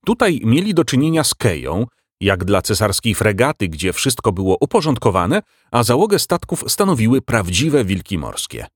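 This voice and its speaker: Low, lively male audiobook narrator. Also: moderate pace, dry recording, studio quality. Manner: expressive storytelling. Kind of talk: scripted narration.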